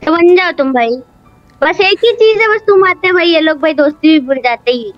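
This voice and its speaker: Scolding high-voiced woman on voice chat. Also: expressive, moderate pace, no room sound, highs cut off, soft background music. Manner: scolding, hurt and curt. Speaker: game squad member. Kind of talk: casual game voice chat.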